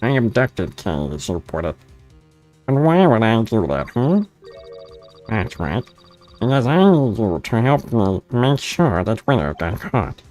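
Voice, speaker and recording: A man putting on a mystery caller who hides behind a disguised voice, low-pitched and smug. The delivery swoops up and down in a mocking sing-song. Faint music plays underneath. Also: big pitch swings, a little slow, darkish tone. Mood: taunting. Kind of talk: reading game dialogue aloud.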